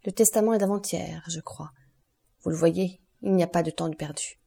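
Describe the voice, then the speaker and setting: A woman reading the part of a stern, relentless male doctor, solemn and accusing in a measured way. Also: on the low side, creaky, mellow, husky.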